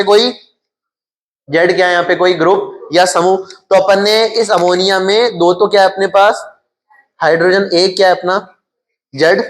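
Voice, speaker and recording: A chemistry teacher with a Hindi accent lectures his class in a voice that sits high. He repeatedly asks questions, answers them himself, and repeats the key terms.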